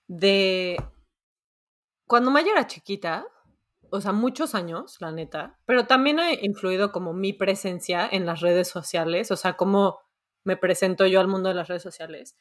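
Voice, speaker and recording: A Mexican woman in her thirties hosting a podcast, talking frankly and with slang in casual chat. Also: medium pitch. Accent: Mexican Spanish. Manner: frank, slangy, loose talk. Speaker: podcast host.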